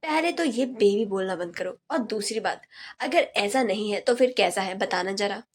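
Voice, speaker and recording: A woman voicing a quick-tempered young fiancée who scolds sarcastically. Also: mid-range voice, lively intonation, natural voice. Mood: angry sarcastic.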